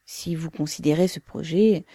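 A woman voicing a calm, serious man comrade who speaks gravely and in a businesslike way. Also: deep voice, normal speed, no room sound, studio quality.

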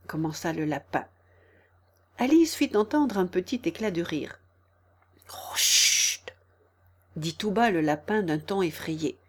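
A woman narrating a storybook audiobook at a slow, deliberate pace. Her reading is expressive, with wide, lively swings in pitch as she tells the tale.

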